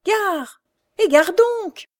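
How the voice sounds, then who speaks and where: A woman voicing a gruff male coachman who bellows warnings and grumbles curses. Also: extremely high pitch, moderate pace, pitched above the performer's own voice. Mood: shouting.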